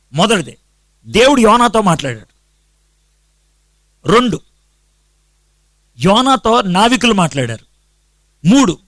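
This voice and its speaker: A man with a high, bright-pitched voice delivers a sermon to a congregation, close and dry with no room echo. He asks his listeners questions, answers them himself, and counts off his points with steady emphasis. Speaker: pastor.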